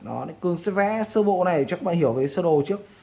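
A man's voice: sits high, expressive, fast, gravelly, dark tone. A man, an architect, casually walking viewers through a floor plan as he sketches, talking in loose chatty bursts full of fillers. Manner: chatty, many fillers and repeated "đó". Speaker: architect explaining a design. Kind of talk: casual explanatory walkthrough while drawing.

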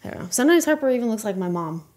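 Chatty young mother, relaxed. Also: a little high, very fast. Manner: relaxed, chatty, finishes partner's sentences. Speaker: co-host, new mother. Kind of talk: casual Q&A chat with partner.

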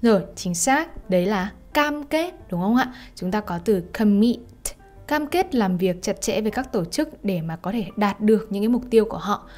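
A woman teacher and native Vietnamese speaker walks her students through a lesson at an easy middle pitch. She keeps asking little tag questions to check that they follow. A faint bed of music runs under her voice. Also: lively intonation, normal speed, darkish tone. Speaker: English teacher. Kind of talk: video lesson explaining exercises.

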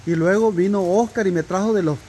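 A man, soft-spoken and slow, bantering with his wife. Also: high voice, a little hiss or hum. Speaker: host's husband. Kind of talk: casual couple banter.

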